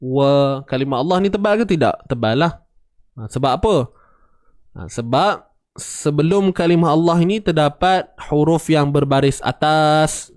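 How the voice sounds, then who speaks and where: A patient man teaches Quranic recitation, pausing to sound out and repeat syllables. His voice is smooth and clear, unhurried and a bit raised in pitch. It is heard close and dry, with no room around it. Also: a little mellow, dry recording. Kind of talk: tajwid lesson with recited examples.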